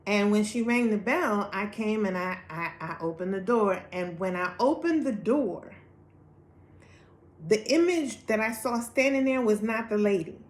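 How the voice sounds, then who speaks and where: An echoey room surrounds an earnest woman as she unhurriedly recounts her personal testimony. She tells it with animation at a middle pitch, acting out quotes along the way.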